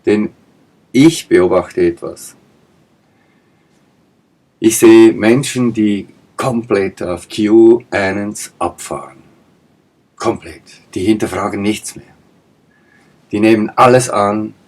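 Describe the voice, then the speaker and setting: Slow, husky man lecturing. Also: low voice, a little mellow. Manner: emphatic and insistent, with rhetorical questions and pointed repetitions. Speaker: political commentator. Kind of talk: spoken political monologue.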